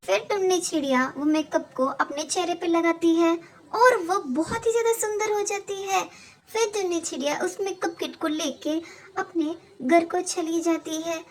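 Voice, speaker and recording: A woman narrating a cartoon fable in a plain, steady storytelling way. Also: very high-pitched, moderate pace.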